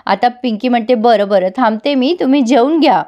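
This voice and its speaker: A woman narrating a TV serial recap to her viewers, retelling each character's lines herself in a lively storytelling way. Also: a little high, fairly quick, muffled recording. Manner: retells dialogue in character, addresses viewers directly.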